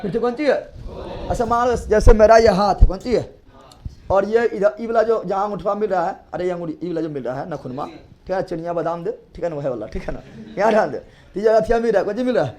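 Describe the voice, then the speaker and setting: A man's voice: high-pitched, fast talker, a little mellow. A male teacher giving a geography lesson, drilling students with repeated questions and joking scolds.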